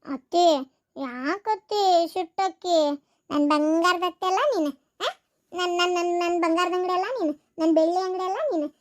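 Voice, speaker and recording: A woman's voice: extremely high pitch, steady tone, normal speed. A woman voicing a young daughter-in-law in a cartoon, pleading and coaxing in a North Karnataka accent. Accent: North Karnataka Kannada. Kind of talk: cartoon voice acting.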